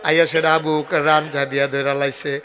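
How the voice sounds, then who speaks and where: A man preaching a waz sermon, telling stories in dialect with acted dialogue and rising into loud cries. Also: on the high side, level tone, a little fast.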